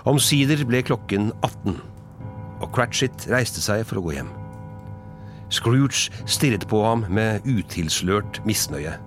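A man reading a classic story aloud as narrator, telling it in an expressive storybook way. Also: lowish voice, soft background music.

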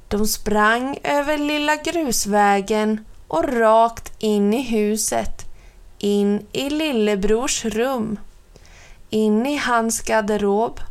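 A woman narrating a children's storybook in a gentle, clear way. Her voice sits somewhat high.

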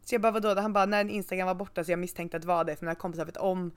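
Young swedish woman, slightly low voice, casual podcast chat, acts out the back-and-forth when telling stories. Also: smooth. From Sweden. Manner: animated storyteller, acts out dialogue. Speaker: podcast co-host.

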